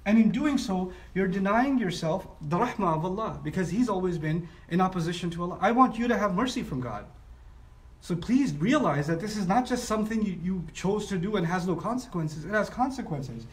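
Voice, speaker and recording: Animated male scripture teacher, off-mic. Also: sits high, a little fast, distant mic. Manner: animated, often voicing the speakers of the story. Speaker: Quran teacher. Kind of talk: lecture on scripture. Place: broadcast live online.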